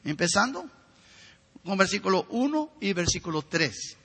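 Man, preacher, bright tense voice, husky edge, fervent sermon, questions the congregation. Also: high voice, very animated, moderate pace, big-room sound. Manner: fervent, asks the listeners direct questions.

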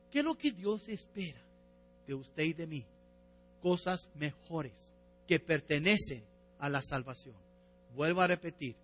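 A man preaching a sermon to his congregation. He stumbles, corrects himself and repeats phrases, and his voice climbs and swells when he reads scripture aloud. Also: a bit bright. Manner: rises in pitch and force when reading scripture. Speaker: pastor.

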